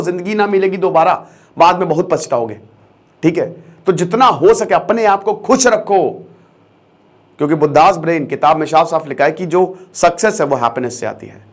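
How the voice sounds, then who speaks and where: A young man giving an emphatic motivational lecture as an online educator, switching between Hindi and English and repeating key phrases for stress. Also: fairly high pitch.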